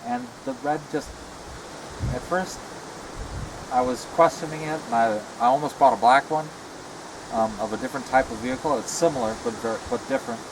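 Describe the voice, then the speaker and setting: A middle-aged man chatting casually and reflectively in a halting way, talking out of the side of his mouth. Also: medium pitch, noisy background. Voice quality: talks out of one side of the mouth. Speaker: retired comic book artist showing a car. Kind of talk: casual rambling chat. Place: outdoors beside a parked car.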